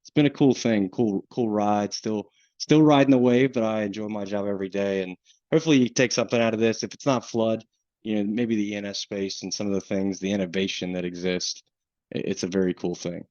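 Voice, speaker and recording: A man with a Southern US accent leads a webinar in a loose, conversational way, often restarting his sentences. His voice sits low, and it comes over a dull, lo-fi call line with a dry, close sound. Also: steady tone, brisk, a little mellow, no echo. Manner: casual, with frequent restarts and fillers. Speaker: flood insurance program manager, webinar presenter. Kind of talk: webinar presentation.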